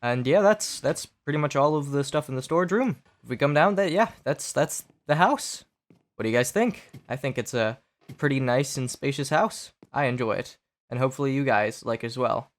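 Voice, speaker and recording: A man who sounds sick, hosting his gaming channel with easygoing, rambling gameplay commentary full of pauses. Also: medium pitch. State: sick, stuffy voice.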